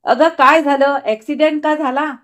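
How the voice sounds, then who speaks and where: A woman's voice: sits high, animated, extremely slow, highs cut off, voice pushed up, exaggerated voice. Lady doing a hotheaded young guy, blows up, throws in english oaths. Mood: outraged. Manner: explosive, mixes in English oaths. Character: hot-tempered young man, furious brother.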